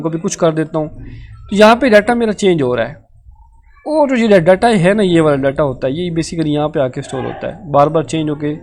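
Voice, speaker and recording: Patient man tutoring a coding class. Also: on the high side. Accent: Pakistani Urdu. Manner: patient step-by-step explaining, checks in with "theek hai" often. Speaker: programming tutor. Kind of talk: live online coding lesson. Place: live online class session.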